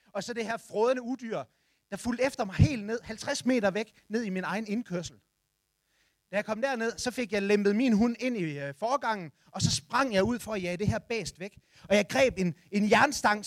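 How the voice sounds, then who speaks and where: A man in his forties telling a personal story to listeners, animated and sometimes shouting in the tense moments. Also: high-pitched, no echo, studio quality. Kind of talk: personal anecdote told to listeners.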